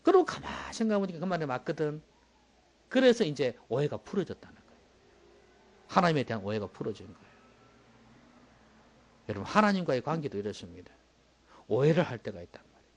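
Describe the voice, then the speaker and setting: A man preaching a sermon as pastor, moving between quiet low asides and loud emphatic bursts and asking the congregation rhetorical questions. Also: big pitch swings, fast talker, pauses often.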